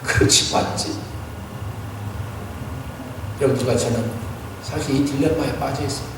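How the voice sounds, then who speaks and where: A man's voice: mid-range voice, steady tone, unhurried, heavy reverb, long reverb tail, noisy background. A male pastor giving a Sunday sermon in a church sanctuary. He exhorts earnestly, tells stories, and asks rhetorical questions, picked up by a distant room mic.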